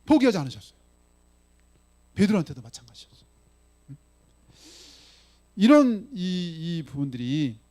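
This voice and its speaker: A male pastor with a high, darkish voice delivers a sermon in an easygoing, conversational style. He regularly checks in with the congregation, and when Jesus speaks in the story, the pastor voices those lines himself.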